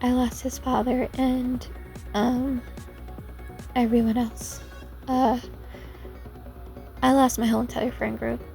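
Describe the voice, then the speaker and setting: A woman hosting her own podcast, talking hesitantly and softly about her personal life, with many pauses and restarts. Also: a little high, little pitch movement, vocal fry, faint music behind. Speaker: podcast host. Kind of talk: personal reflective podcast talk.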